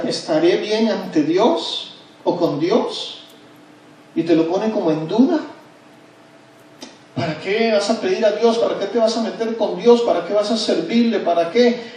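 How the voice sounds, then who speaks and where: A man's voice: high voice, mellow, distant mic. A man preaching a sermon as pastor, emphatic and repetitive, drawing out his key words. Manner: emphatic and repetitive, with drawn-out stresses. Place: church sanctuary. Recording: echoey church hall from afar, faint noise.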